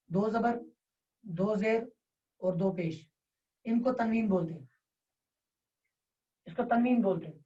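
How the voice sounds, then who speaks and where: Distant, muffled male Tajweed teacher. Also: sits high. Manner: dictates slowly, repeating key terms for note-taking; hesitant, with drawn-out fillers. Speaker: Quran recitation teacher. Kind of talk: online Tajweed class. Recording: distant, dull lo-fi online class audio.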